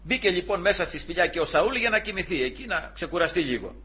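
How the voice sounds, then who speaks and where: A man's voice: high-pitched, animated, bright, forceful tone, slightly rough. A man preaching, retelling a scripture story in a conversational way with restarts and self-corrections. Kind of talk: sermon retelling a Bible story.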